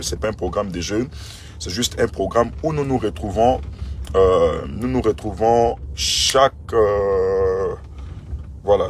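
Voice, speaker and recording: A man's voice: on the low side, slight background noise. A man, a pastor talking outside his church among a crowd, exclaiming and repeating himself in disbelief. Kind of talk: phone video to followers, then addressing a crowd.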